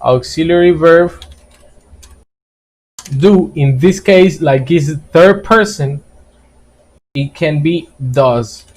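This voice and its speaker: Male teacher, slow and patient, higher voice, repeats points and checks in constantly. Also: darkish tone, low-quality recording. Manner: explains slowly, repeats key points and keeps checking with "right?". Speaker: English teacher. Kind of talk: live online grammar lesson.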